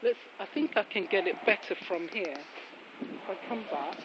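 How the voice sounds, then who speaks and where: Walking down a rain-damp residential street with her phone in hand, a woman speaks at medium pitch, animated and at a moderate pace. Her casual vlog mixes devotional reflections with rambling, admiring exclamations, while passing traffic makes the outdoor sound muffled and noisy.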